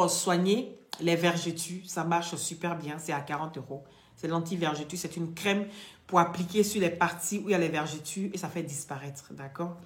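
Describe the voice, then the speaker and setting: Going live on social media, a lady lectures her audience and then pitches creams as a vlogger who sells beauty products. Her voice is lowish and emphatic, and she addresses viewers directly; her first language is not French. The room has an echo.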